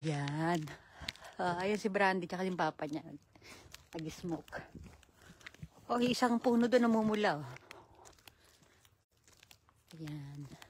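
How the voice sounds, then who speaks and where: A woman films a casual travel vlog on a phone as she strolls hotel grounds after dark. She talks in an unhurried, chatty way, laughing often and mixing in Japanese words. Her breath is short from the cold, and a faint hiss runs under the recording. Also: on the low side. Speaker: travel vlogger. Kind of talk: casual walking vlog narration. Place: outdoors at night on hotel grounds.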